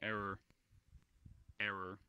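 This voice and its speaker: Brief: low-pitched glitching robot checkpoint, mechanical and stuck on errors. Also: male voice, completely flat delivery, slow pace, clear, resonant tone, no room sound, highs cut off.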